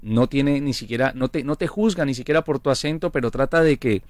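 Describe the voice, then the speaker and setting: A man co-hosts a radio program, chatting in a medium-pitched voice. He tells his story casually, pausing often on fillers. His voice sounds close and dry, with no room echo. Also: darkish tone. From Colombia. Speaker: radio co-host. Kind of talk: casual radio chat, anecdote. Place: radio studio.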